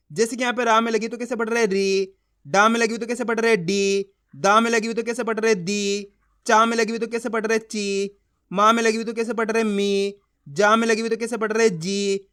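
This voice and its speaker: A man with a fairly high, smooth and resonant voice runs a beginners' reading lesson. He sounds out syllables one at a time, drawing them out, and keeps asking the learner how they are read. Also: bright, forceful tone. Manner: slow, drawn-out syllable sounding with repeated questions to the learner. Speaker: teacher.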